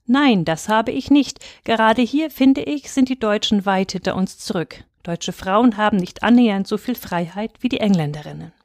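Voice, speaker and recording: A woman's voice: mid-range voice, moderate pace, hardly any pauses, no room sound, lightly acted. Woman doing courteous young englishman, formal careful speech, dry close sound, storybook reading. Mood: polite. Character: polite young Englishman speaking careful German.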